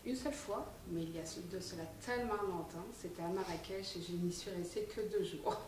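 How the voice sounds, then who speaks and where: A French-born woman in her forties with a lowish voice, speaking earnestly and calmly in an interview. She is recorded from a distance in an echoey room. A faint noise sits under her voice. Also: fairly quick. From France. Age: 40s. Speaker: volunteer manager. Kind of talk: interview answers.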